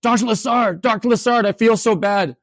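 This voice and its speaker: A woman's voice: a little high, brisk, no echo, clean studio sound, voice pushed up. A man voicing a young female university student who keeps apologizing and pleading insistently. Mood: apologetic. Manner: pleading, repeats herself.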